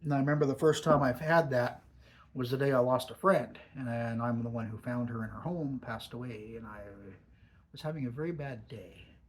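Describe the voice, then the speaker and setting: With a lip packed full of dip pouches, a medium-pitched man chats his way through a casual product review. He talks at a moderate pace, emphatic and savouring, stretching out words to give them weight.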